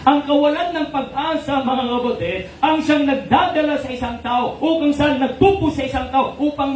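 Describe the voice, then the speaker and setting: A man with a Filipino accent delivers a sermon, moving between Tagalog and English and checking in with his listeners. His voice sits very high. He is recorded from a distance in an echoey hall, with faint noise underneath. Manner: preaching, mixing Tagalog and English, calling "amen?" often. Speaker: pastor. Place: church hall.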